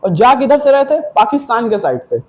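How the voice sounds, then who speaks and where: High-voiced male history teacher. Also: big pitch swings, brisk, darkish tone. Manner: storytelling, asks and answers his own questions. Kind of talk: exam-prep history lesson.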